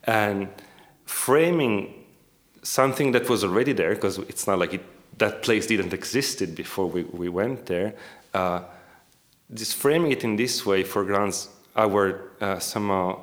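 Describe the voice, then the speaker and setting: Low-pitched, careful academic man. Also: unhurried. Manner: hesitant, careful academic phrasing with frequent rewording. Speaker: academic researcher, interviewee. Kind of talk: scholarly interview discussion.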